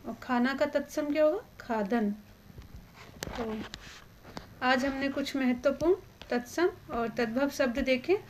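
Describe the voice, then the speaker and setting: A woman's voice: high-pitched, unhurried, pauses often, a little hiss or hum. A woman teaching a grammar lesson for exam students. She asks a question and then answers it herself, and she points out which words matter for the exam. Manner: stresses the exam-important words.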